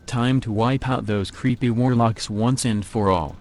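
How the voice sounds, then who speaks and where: A man's voice: mid-range voice, steady tone, measured pace, darkish tone, close to an everyday voice. A synthetic male text-to-speech voice playing a menacing, vengeful vampire in a video game, speaking in curt lines. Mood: resolute. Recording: faint background noise.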